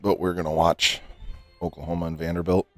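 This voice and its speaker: A man's voice: low voice, brisk, faint music behind. A middle-aged man who is losing his voice, casually talking through a football video game with many fillers. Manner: relaxed, rambling, with many fillers. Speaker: gaming channel host. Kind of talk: casual gameplay commentary.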